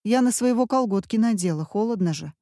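Gossipy school-yard mom, as a woman reader puts her on, lifted pitch, mellow tone. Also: expressive, a little fast, dry recording, clean studio sound. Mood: indignant. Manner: gossipy, indignant. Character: chatty fussing mother at school yard.

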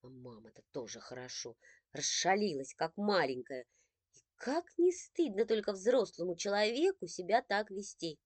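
Woman narrator, children's audiobook, very lively pitch, dry close sound. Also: normal speed, dry recording. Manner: expressive, shifting with the story's mood.

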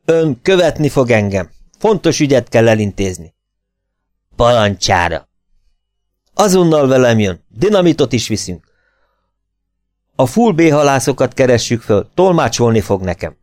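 A man's voice: no room sound, studio quality, close to an everyday voice. A man voicing a stern young male officer, speaking in a commanding, urgent way. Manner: commanding, raised-pitch urgent delivery.

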